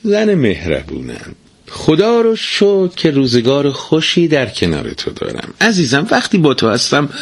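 Doting husband, soft and sighing, pitched up, from a male storyteller. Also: vocal fry, exaggerated voice. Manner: tender, sighing, affectionate. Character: tender loving wealthy husband.

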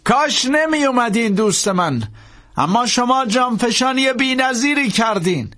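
A man voicing a wounded, fervent priest in an audiobook, speaking slowly and solemnly. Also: very high voice, expressive, a bit bright, pitched above the performer's own voice. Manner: slow, solemn, drawn-out delivery.

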